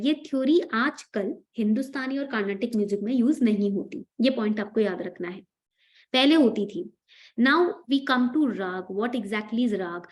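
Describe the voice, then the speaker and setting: Woman, exam-prep teacher; slow, high-ish delivery, repeats key terms and tells students to write them down. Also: darkish tone. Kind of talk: online lecture mixing Hindi and English.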